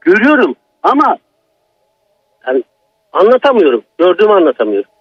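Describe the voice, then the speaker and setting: A man's voice: high-pitched, huge pitch swings, fairly quick, husky, no echo, muffled recording. A man calling in to tell a personal horror story, in an agitated, emphatic manner. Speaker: caller.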